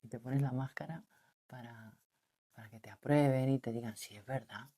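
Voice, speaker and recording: A woman with a slightly husky, mature voice, talking softly and reflectively to camera and asking the listener rhetorical questions. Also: steady tone, normal speed. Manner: speaks softly and lowered on purpose, asks the listener rhetorical questions. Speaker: vlogger on relationships. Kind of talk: reflective personal talk to camera.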